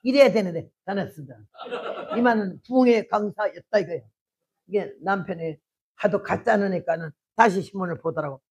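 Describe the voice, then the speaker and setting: A woman in her eighties, a missionary preacher, giving a testimony sermon and telling stories that swing from hushed to shouting. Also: medium pitch, brisk, breathy edge. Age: 80s.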